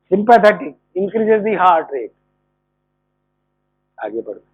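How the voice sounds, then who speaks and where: Man, measured classroom explainer with a high voice; dry, tinny phone-quality audio. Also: no room sound. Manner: explanatory, poses rhetorical questions and answers them. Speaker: medical college lecturer. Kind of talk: classroom lecture.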